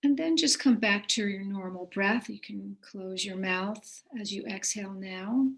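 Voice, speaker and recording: A woman with a creaky, medium-pitched voice leads a guided meditation as a teacher. She offers gentle instructions at an unhurried pace, pausing between short phrases.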